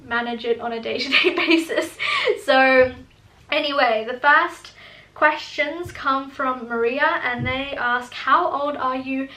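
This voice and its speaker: A woman's voice: sits high, slow pace, pushed and bright. A woman of twenty-one, chatty and laughing often as she answers viewers' questions in a casual vlog. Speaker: student vlogger. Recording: echoey room.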